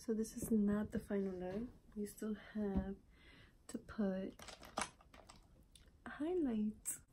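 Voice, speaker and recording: A woman's voice: medium pitch, takes it slowly. Casual, cursing woman makeup vlogger. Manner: casual, swears freely, drops into whispered asides. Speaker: beauty vlogger. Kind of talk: makeup tutorial narration. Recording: steady background noise.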